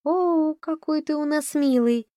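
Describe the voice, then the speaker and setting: A woman voicing a cheerful, motherly caretaker who coos gently. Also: mid-range voice, big pitch swings, normal speed, dry recording, studio quality. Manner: cheery, cooing.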